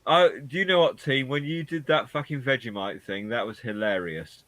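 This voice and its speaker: A man's voice: medium pitch, moderate pace, a bit bright, no echo. A man in casual, teasing banter with fellow veterans, swearing freely. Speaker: podcast co-host.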